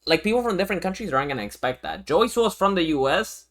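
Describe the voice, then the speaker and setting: This livestreamer, a young man from Venezuela, reacts to a video in a high, animated voice with a slightly bright edge. He talks quickly and repeats himself, using slang and swearing plenty.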